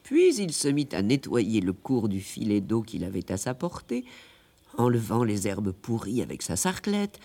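Man reading a fairy tale out loud, husky, voice rises and falls a lot. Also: on the low side. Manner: lively, expressive telling. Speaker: narrator. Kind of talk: scripted storybook narration.

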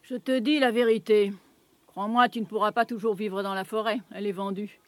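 A man's voice: high-pitched, fairly even intonation, a little fast, no room sound, close to an everyday voice. A man playing a shrewd, secretive old beggar woman in a radio drama, blunt and coaxing. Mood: urgent.

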